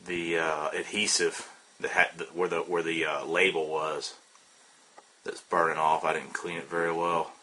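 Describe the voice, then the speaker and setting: Southern guy showing off a homemade stove, bright voice, lots of uhs and ums, laid back. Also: low voice, normal speed, slight background noise. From Southern United States. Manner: relaxed and rambling, with frequent uh and um fillers. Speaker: outdoor gear hobbyist demonstrating a stove. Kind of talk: casual how-to demonstration.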